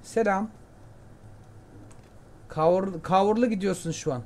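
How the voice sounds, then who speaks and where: Excitable Turkish gamer man, playful. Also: high-pitched, unhurried. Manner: chatty, excitable, jokey, shouts at the game. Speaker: gameplay commentator. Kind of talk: casual let's-play commentary.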